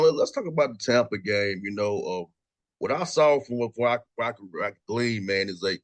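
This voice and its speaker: A man's voice: fairly low pitch, no echo. A man hosting a show, interviewing casually and saying "man" and "bro" a lot. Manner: casual, friendly, says "man" and "bro" often. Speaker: show host. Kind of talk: radio interview.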